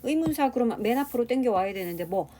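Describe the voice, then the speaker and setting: A woman's voice: fairly high pitch, lively intonation, fast, mellow, slight background noise. A woman English teacher giving a grammar lecture, explaining step by step and asking the class rhetorical questions.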